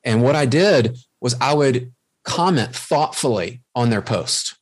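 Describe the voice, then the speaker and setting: A man's voice: medium pitch, lively intonation, unhurried, slightly rough. A man guesting on a podcast, confidently coaching listeners in casual chat and acting out quotes.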